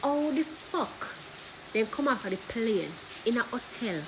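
Loud profane Jamaican woman, noisy clip. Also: fairly high pitch, lively intonation, a little slow. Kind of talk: angry rant clip.

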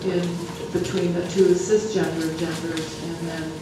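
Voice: mid-range voice, level tone. A speaker presenting data at a health planning council meeting, often restarting sentences. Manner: halting, many restarts. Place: large meeting room. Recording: echoey room from far off, noisy.

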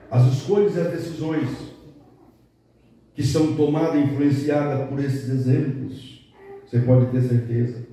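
A man's voice: mid-range voice, dark tone, heavy reverb, distant mic, low-quality recording. A Brazilian man, a pastor, preaching a sermon and acting out the voices of the people in his stories. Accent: Brazilian Portuguese. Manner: storytelling preacher acting out dialogue.

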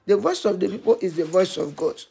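A woman's voice: lowish voice, animated, brisk, creaky, warm tone, breathy edge. A woman giving impassioned vlog commentary, preachy and scolding, repeating her points again and again. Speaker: vlogger.

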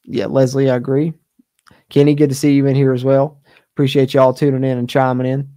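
Young male host, casual live stream commentary, flat delivery, dark tone, dry close mic. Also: medium pitch, brisk, no room sound. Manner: casual, filler-heavy, talks to live chat. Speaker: sports webcast host. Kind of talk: live sports postgame commentary. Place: home streaming studio, indoors. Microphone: studio mic close on camera.

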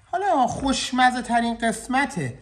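A man's voice: extremely high pitch, sing-song, a little hiss or hum. A man hosting a casual cooking vlog from a kitchen, joking and talking straight to his viewers through a clip-on mic. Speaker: chef. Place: indoor kitchen.

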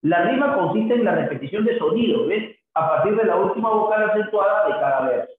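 A man teaching a literature class in a slightly high voice. He keeps checking in with his listeners through tag questions and stretches recited verses into a sing-song drawl. The sound is thin and phone-like, with heavy echo. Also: animated, brisk. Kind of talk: classroom lecture.

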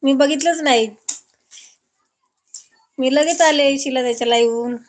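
A woman's voice: high voice, unhurried. A woman from Maharashtra chatting casually on a live stream, reading viewer comments aloud and answering each viewer affectionately.

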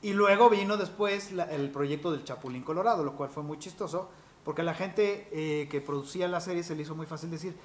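A man, a voice actor telling stories from his career in an interview, animated and peppered with fillers. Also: a little high, a little hiss or hum. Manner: animated, quick anecdotal storytelling with fillers like "este". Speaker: voice actor guest. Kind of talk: interview storytelling.

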